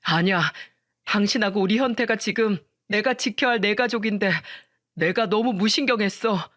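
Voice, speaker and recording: A woman's voice: medium pitch, moderate pace, a bit bright, no echo, clean studio sound, close to an everyday voice. A woman voicing a young husband who pleads with his wife and argues with his mother. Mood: pleading. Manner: urgent, pleading.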